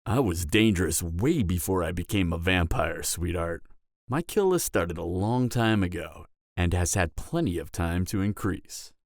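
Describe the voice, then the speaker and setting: In an audio roleplay, a man plays a cocky, flirtatious, dangerous adult male vampire and former killer who teases the listener. His low, animated voice has a smug, seductive drawl with dramatic pauses. The recording is dry and studio quality.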